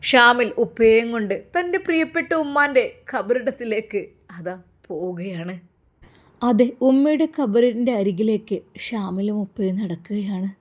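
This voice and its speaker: Malappuram-accented woman telling a sad religious story, dramatic narration, voice on the higher side. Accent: Malappuram Malayalam. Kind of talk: scripted emotional narration.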